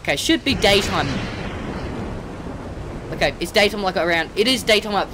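Excitable gamer, lively pitch. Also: normal speed, noisy background. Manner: excitable, scolds and coaxes the game animals. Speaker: gaming channel host. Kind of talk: let's-play game commentary. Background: game music.

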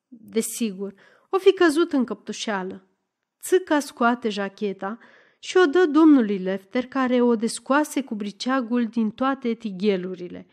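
A woman reading a classic short story aloud as narrator, in a lively, expressive way. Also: on the high side. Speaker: audiobook narrator. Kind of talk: scripted narration.

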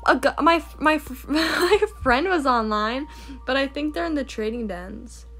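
A woman's voice: high voice, a little slow, sharp tone, soft background music. A teenage girl chatting playfully while recording a game video with her sister. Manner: playful, silly, giggly. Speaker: gaming video creator. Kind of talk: casual gaming chat.

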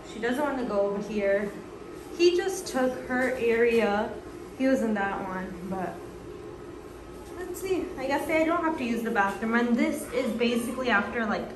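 A woman chatting casually to a handheld phone camera in a travel vlog, full of fillers and cooing at her pets. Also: fairly high pitch. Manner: chatty, filler-heavy, coos at the cats. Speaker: pet vlogger. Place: airport and rental car. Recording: noisy phone recording in transit.

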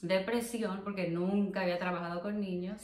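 A young Dominican woman from the Dominican Republic, a guest sharing her story in a casual interview, soft-spoken and hesitant. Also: medium pitch, fairly even intonation, brisk, echoey room. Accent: Dominican Spanish. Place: living room on a sofa, indoors.

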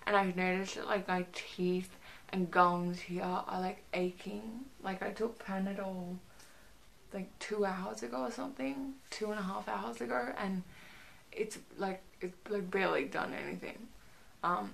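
A woman's voice: mid-range voice, steady tone, unhurried, gravelly, a bit bright, a little hiss or hum. A young woman chatting casually to camera in a rambling, hesitant way, her articulation a little restricted by a stiff jaw after surgery. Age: young adult. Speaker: vlogger. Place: small bedroom, indoors.

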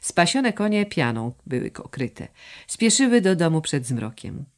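A woman reading a novel aloud as an audiobook narrator, expressive in her storytelling. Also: sits low, unhurried. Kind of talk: scripted narration.

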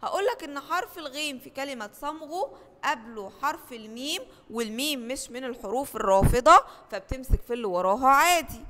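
A woman teacher with an Egyptian accent gives a lesson to first graders, asking questions, answering them herself and drawing out each model word slowly. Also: high voice, a bit bright, in a large hall. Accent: Egyptian Arabic. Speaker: primary school teacher.

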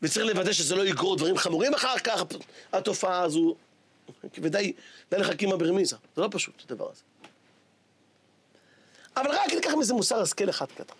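High husky rabbi guy preaching, dramatic, shouts sometimes. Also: animated, pauses often. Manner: dramatic, exclamatory, shouts for emphasis. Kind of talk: sermon storytelling.

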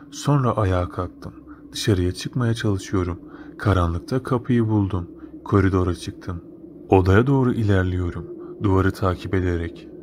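A man narrating a first-person horror story in a casual, slangy, matter-of-fact way. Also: low-pitched. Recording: noticeable background noise.

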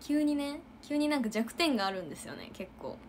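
Chatty young woman with lively pitch. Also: brisk, slight background noise. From Japan. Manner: chatty, giggly, acts out loud quotes. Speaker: idol livestreamer. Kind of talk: casual livestream chat with viewers.

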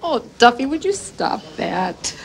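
A soft-spoken, patient wife. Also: female voice, fairly high pitch, big pitch swings, unhurried, background noise. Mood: gentle. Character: patient wife, gently exasperated.

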